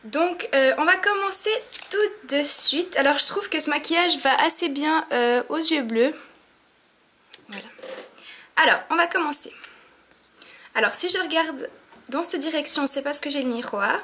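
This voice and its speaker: Sitting at her mirror at home, a young woman with a cold chats through a makeup tutorial, sniffling and using lots of fillers as a beauty vlogger. She speaks a little slowly with long pauses, her high voice bright and forceful. There's slight background noise.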